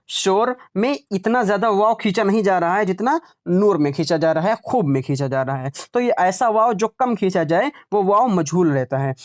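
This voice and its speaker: Man teaching Urdu pronunciation, repetitive. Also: sits high. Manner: repeats words slowly, drawing out sounds and asking "right?". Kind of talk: online class lecture.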